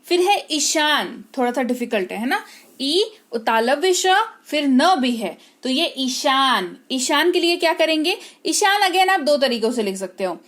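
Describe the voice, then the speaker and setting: A woman teaching English spelling, speaking patiently, repeating words slowly and checking that her students follow. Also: high-pitched, big pitch swings, a bit bright. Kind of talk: explaining spelling to learners.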